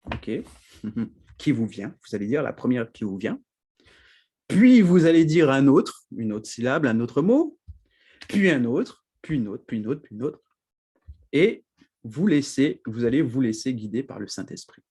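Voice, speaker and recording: A husky-voiced man giving a teaching sermon at a middle pitch. He talks in an animated way, jumping up for emphasis and often laughing as he goes. He keeps checking that his listeners follow along. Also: unhurried. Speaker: preacher.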